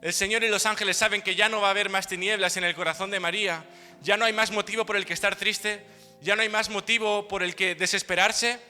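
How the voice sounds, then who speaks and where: A man preaching a sermon as pastor, telling the story in a lively way with playful humor. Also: high-pitched, brisk. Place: church hall. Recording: hall reverb with soft music behind.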